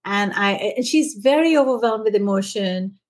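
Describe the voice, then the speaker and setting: A woman's voice: mid-range voice, animated, normal speed. A woman who trains teachers, telling an anecdote in a conversational podcast. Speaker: early-childhood trainer.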